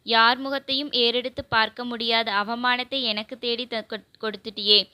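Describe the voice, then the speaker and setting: A furious, lamenting mother, as a woman reader puts her on in an audio novel. The voice is bright and a little high. It sounds close and dry. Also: flat delivery, normal speed, smooth, dry recording. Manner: scolding, lamenting. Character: grieving, furious middle-aged mother.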